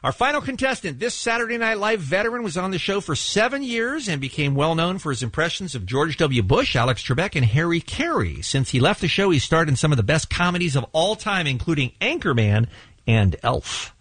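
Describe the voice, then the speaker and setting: Male radio host for dramatic contest hype: husky, animated, suspense-building, close studio mic. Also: on the high side, brisk, dry recording. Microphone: close studio microphone.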